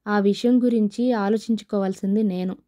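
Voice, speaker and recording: A woman voicing a proud, sharp-tongued young rich woman who answers in curt, scornful retorts. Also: medium pitch, fairly even intonation, fairly quick, lightly acted.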